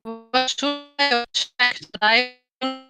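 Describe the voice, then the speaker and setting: A woman's voice: high voice, steady tone, slow pace, over music. A woman player in a tabletop game, talking casually, her voice coming through robotic and metallic. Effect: robotic, metallic-sounding voice.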